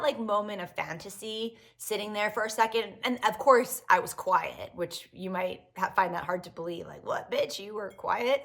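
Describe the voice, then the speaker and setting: A woman's voice: medium pitch, bright, forceful tone. A woman podcast host telling stories in a casual monologue, profane and self-mocking.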